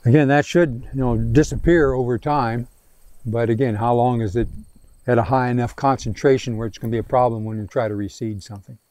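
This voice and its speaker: A range scientist answers a crowd's questions at an outdoor field day on open prairie, speaking into a handheld mic with many restarts and fillers. His medium-pitched voice is steady, a little fast, and darkish, with no echo.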